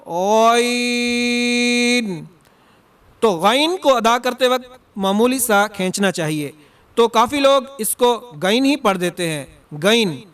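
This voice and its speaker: A man with a strikingly high voice teaches how to pronounce letters. His tone is smooth and clear as he stretches each sound to show it. He corrects errors firmly and repeats the point. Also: a bit bright. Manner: slow and deliberate, demonstrating letters with drawn-out sounds. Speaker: Quran teacher. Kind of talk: Quran recitation lesson.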